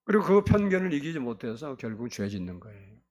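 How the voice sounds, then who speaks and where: A man's voice: medium pitch, big pitch swings, fast talker, a little mellow, dull audio. A male pastor delivering an emphatic sermon in a church and prompting the congregation to answer back. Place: church sanctuary.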